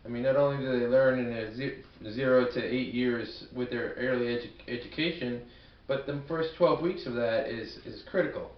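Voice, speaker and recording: Echoey, halting man with a Brooklyn accent. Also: mid-range voice. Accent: Brooklyn, New York. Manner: halting, self-deprecating, repeats words. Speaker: student presenter. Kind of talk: informal amateur video presentation. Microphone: camcorder at a distance. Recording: echoey room, distant muffled camcorder microphone.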